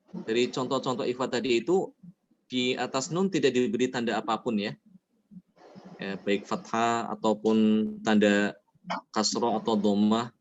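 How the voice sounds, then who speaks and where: A man teaching Quran recitation rules, explaining each rule and then reciting the examples slowly and melodically. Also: medium pitch, lo-fi sound, slight background noise. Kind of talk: tajwid lesson.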